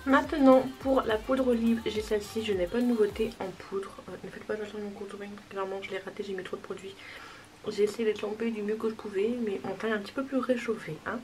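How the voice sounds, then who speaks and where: Young woman chatting thru her makeup, laughs at her own mess-ups, medium voice, bit of quiet music behind. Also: medium pitch, steady tone, fast talker, hardly any pauses, poor audio. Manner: chatty, self-deprecating, talks while applying makeup. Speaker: beauty vlogger. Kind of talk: casual makeup tutorial chat.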